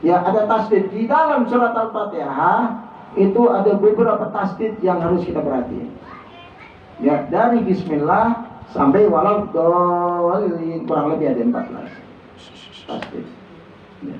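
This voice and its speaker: Male recitation teacher, high-pitched and unhurried, recorded from afar over a tinny line. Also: animated. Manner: corrective, demonstrates recitation, chuckles. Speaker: religious teacher. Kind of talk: Quran recitation lesson. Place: prayer room. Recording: roomy, distant, phone-like, faint hiss.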